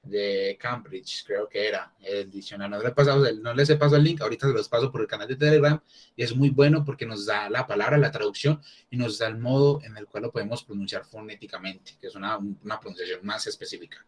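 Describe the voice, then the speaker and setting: Husky male teacher, casual and rambling. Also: lowish voice, steady tone, fast talker. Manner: casual, thinking aloud with many restarts. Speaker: English teacher. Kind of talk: live online class.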